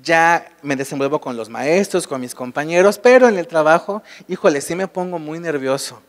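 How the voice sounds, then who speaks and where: A man's voice: a little high, lively intonation, normal speed. Mexican man lecturing in a reverberant hall. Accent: Mexican Spanish. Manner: keeps quizzing the audience with rhetorical questions. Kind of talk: conference talk to a live audience. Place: large hall at a state congress.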